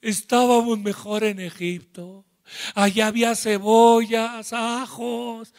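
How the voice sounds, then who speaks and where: A man's voice: very high voice, level tone, slow, darkish tone, full character voice. A man voicing fearful, whining Israelites who moan and complain. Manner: wailing and moaning.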